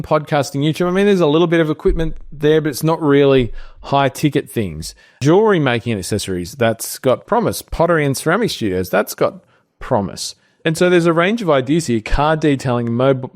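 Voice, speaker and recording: With a fairly high pitch, a middle-aged Australian man walks through a screen-share tutorial in an easygoing, explanatory style. He co-hosts a business training show and thinks aloud, sprinkling in fillers.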